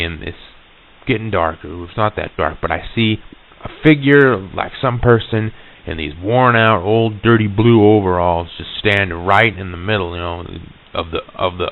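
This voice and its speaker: Gravelly man rambling through a spooky tale. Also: low voice. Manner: rambling, folksy and profane, with many restarts. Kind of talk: telling a personal ghost story. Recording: lo-fi reel-to-reel tape, phone-like.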